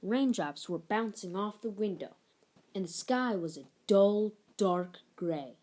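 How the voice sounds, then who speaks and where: Reading a children's picture book aloud, a woman narrates in an expressive, measured storytelling style. Her voice sits at a medium pitch.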